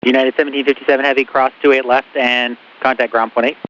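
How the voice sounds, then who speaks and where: A man's voice: medium pitch, level tone, fast talker, fairly bright tone. A man working as an airport tower controller, giving air traffic instructions over the radio. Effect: radio transmission. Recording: muffled radio with faint hiss.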